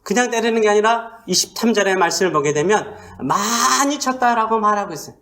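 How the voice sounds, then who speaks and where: A male pastor delivering a sermon, asking rhetorical questions and swinging between loud emphasis and hushed asides. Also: high-pitched, lively intonation, brisk.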